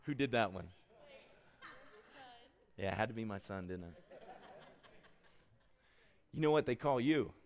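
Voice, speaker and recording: A man's voice: fairly low pitch, expressive, unhurried, gravelly, pauses often, a little mellow, long reverb tail. A man, a pastor, preaching a sermon in a church sanctuary, quizzing his congregation as he goes.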